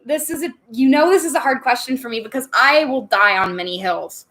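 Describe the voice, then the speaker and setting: A woman talks casually on a live stream, reading out viewer questions and answering them with lots of laughter. Her voice sits a little high, and she chats loosely while sipping wine between answers. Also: brisk, fairly bright tone. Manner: giggly, chatty, laughs often between answers; sips wine on stream and jokes about getting tipsy.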